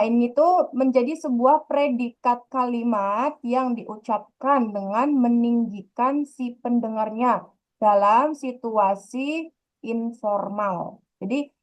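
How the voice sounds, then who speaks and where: A woman teaching a grammar lesson, explaining patiently and repeating her points. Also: on the high side. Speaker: Korean language teacher. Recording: dull lo-fi sound.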